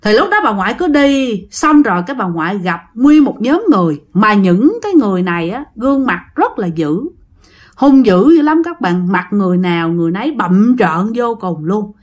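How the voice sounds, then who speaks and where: A woman's voice: medium pitch, sing-song, normal speed. A woman telling a ghost story casually to her listeners, emphatic and repetitive.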